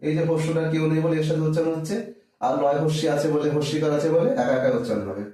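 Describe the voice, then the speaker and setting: Guy teaching kids to sound out words, kinda high voice, super echoey room, sounds far from the mic. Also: warm tone. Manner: patient, repeats syllables slowly, asks and answers own questions. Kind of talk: children's reading lesson.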